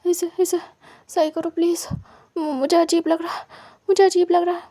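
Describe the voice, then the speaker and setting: A woman's voice: very high voice, level tone, moderate pace, warm tone, voice pushed up. A woman voicing a proud young man in pain, pleading desperately and stumbling over his words. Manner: desperate, pleading, broken repeats.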